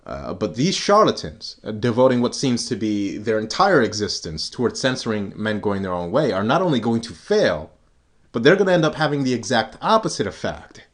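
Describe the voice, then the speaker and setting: A man talking straight to his audience in a sarcastic, contemptuous rant, chuckling with scorn and slowing down to hammer home each punchline. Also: medium pitch. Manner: emphatic, slows down for punchlines. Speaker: vlogger. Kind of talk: sarcastic ranting monologue.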